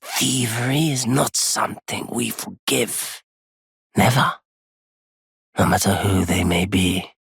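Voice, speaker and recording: Heavily acted for a dramatic video game, this fairly low male voice is husky, breathy, and gravelly, with fairly even intonation and a grave, menacing mood. He portrays a weary, courteous wandering merchant darkened by anguish, speaking in a measured, hushed, formal way on a dry, studio-quality recording.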